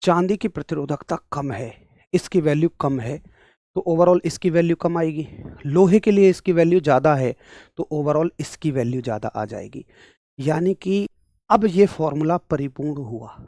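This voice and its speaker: A young man teaches an online exam-prep physics class in a slightly high, expressive voice with a warm tone and moderate pace. He addresses his students directly, scolding and then explaining, repeating points emphatically and pressing them for yes-or-no answers. The recording is studio quality with no room sound.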